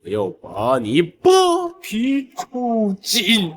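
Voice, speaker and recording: Gloating demon-lord villain, wildly swooping. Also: male voice, high-pitched, huge pitch swings, very slow, heavily acted. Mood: vicious threat. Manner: menacing, mocking, theatrical swings from hiss to roar. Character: gloating, raging male demon-lord villain, half-step heavenly demon. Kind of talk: Chinese fantasy short-drama acting.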